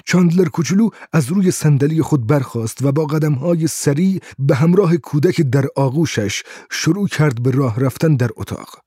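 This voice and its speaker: A man reading a story aloud as an audiobook narrator in a steady, measured way. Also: a little high, breathy edge, no echo, studio quality. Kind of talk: scripted narration.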